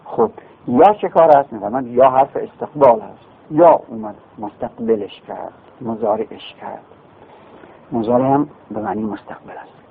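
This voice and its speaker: A man's voice: medium pitch, expressive, vocal fry, slight background noise. Man teaching grammar over a tinny line. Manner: explains step by step, asks and answers himself. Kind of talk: traditional grammar lesson. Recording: muffled phone-like recording.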